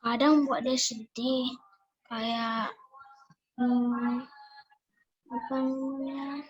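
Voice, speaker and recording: Girl student, high breathy voice, slow, hesitant, dull lo-fi call sound. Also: flat delivery, faint music behind. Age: child. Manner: hesitant short answers.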